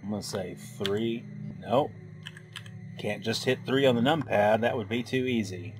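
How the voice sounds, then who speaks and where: A man with a fairly low voice and measured pace narrates a let's play as game music plays behind him. Working through the game's puzzles out loud, he adds wry asides.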